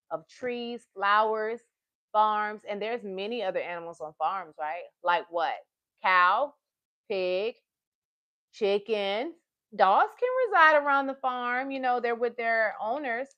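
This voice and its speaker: With a mid-range voice captured in a dry recording, a woman leads a kids' storytime livestream, cheerfully chatting to young children and their parents in an encouraging sing-song style.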